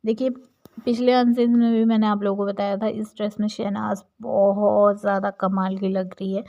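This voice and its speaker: A woman's voice: medium pitch, level tone, moderate pace, dark tone, muffled recording. A young woman talking casually about reality show clips, chatty and gossipy, with many fillers. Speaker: entertainment vlogger.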